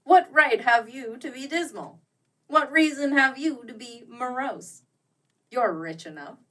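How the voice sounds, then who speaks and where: A woman's voice: high-pitched, animated, unhurried, fairly bright tone, distant mic, voice pushed up, heavily acted. A woman voicing a cheerful, hearty young nephew in a storybook reading, gaily emphatic and exclaiming. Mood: gaily teasing. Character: cheerful hearty young nephew, a man, full of glowing goodwill. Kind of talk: storybook audiobook character voice.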